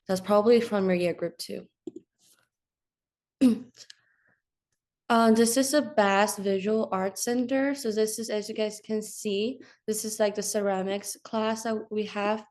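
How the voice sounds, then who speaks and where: Young woman from China giving a tour, flat-voiced. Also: medium pitch. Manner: casual, frequent fillers like "like" and "so". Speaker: student tour guide. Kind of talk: informal campus tour narration.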